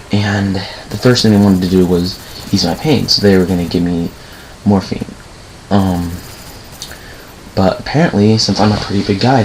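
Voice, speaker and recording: A man's voice: lowish voice, fairly bright tone, slight background noise, poor audio. A young man casually telling a rambling personal story over gameplay, often correcting himself and swearing now and then. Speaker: gaming channel host.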